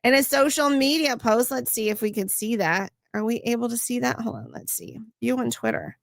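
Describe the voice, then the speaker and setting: Woman doing news commentary on a stream, sarcastic little asides, kinda high pitched, dead dry sound. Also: expressive, moderate pace, gravelly, no echo. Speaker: host.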